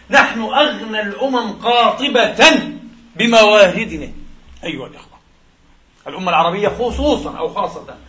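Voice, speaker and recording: A man in his forties delivering a Friday sermon in a mosque, impassioned, with sharp swings in pitch and loudness. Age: 40s. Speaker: preacher.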